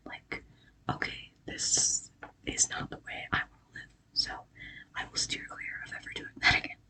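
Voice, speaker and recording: Whispering breathily, an ASMR creator gives a casual, halting pep talk built from affirmations and scripture, reassuring the listener gently. The audio quality is low.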